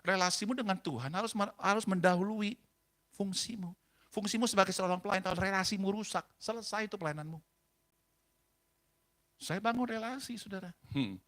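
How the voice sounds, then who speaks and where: A man's voice: high-pitched, fairly quick, a bit bright. A male pastor, preaching in church with humorous stories and teasing questions to the congregation. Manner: jokey, teases and questions the congregation. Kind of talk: humorous storytelling sermon.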